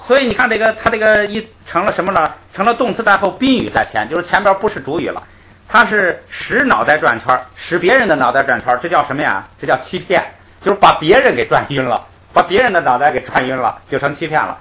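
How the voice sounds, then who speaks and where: A man teaching a grammar class, explaining patiently, repeating himself and chuckling softly between points. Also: a little high, expressive, fast. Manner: patient, repetitive, punctuates with "hey" and soft chuckles. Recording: dull lo-fi recording with faint noise.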